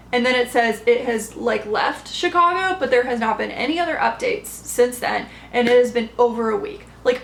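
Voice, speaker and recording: A woman's voice: on the high side, creaky, fairly bright tone. A woman hosting a knitting podcast, chatting casually and rambling with lots of fillers and restarts. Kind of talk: casual chat showing yarn haul. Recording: echoey room, faint background noise.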